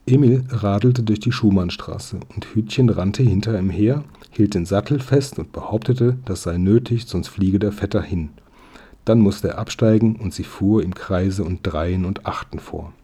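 A man reading a children's story aloud as narrator in a calm, even manner. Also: lowish voice, normal speed, slightly rough. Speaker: audiobook reader.

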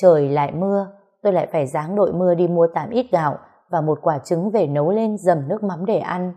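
A woman narrating a written story in a steady, even way. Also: lowish voice, brisk, breathy edge.

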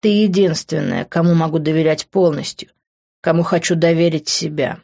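Female reader playing a brooding young man, low and moody, tender but volatile, audiobook dialogue, muffled lo-fi sound. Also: fairly even intonation, moderate pace, gravelly, darkish tone.

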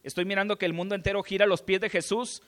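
Man, Mexican accent, preacher, passionate sermon, bright forceful tone. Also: sits high, fairly even intonation, rapid-fire. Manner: impassioned testimony, swinging from hushed to shouting.

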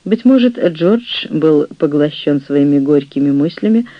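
High-voiced male audiobook narrator. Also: animated, a little slow, no echo, dull audio. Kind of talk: scripted narration.

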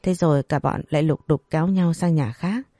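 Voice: mid-range voice, fairly quick, warm tone, no echo, clean studio sound. A storyteller narrating a folk tale in an earthy, colloquial way.

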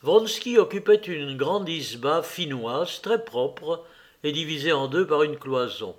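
Man reading a novel, slightly high voice. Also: animated, measured pace. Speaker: audiobook reader. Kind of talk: reading a classic novel aloud.

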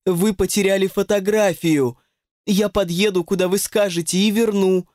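A man's voice: a little high, lively intonation, unhurried, darkish tone, no echo, studio quality, pitched above the performer's own voice. A man reading an audiobook, voicing an insistent, pleading middle-aged witch in a raised voice. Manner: insistent, pleading, honeyed when coaxing.

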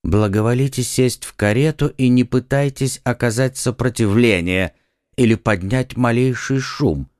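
A man's voice: mid-range voice, moderate pace, darkish tone, clean tone, dry recording, clean studio sound, natural voice. A man doing a cold, formal nobleman. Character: cold, tall male nobleman agent.

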